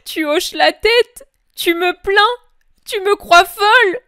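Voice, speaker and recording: A woman's voice: very high-pitched, takes it slowly, sharp tone, no echo, clean studio sound, voice pushed up, exaggerated voice. A woman voicing the grieving mother of Jesus, imploring and sobbing in a breaking voice, in a dramatic religious reading. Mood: pleading.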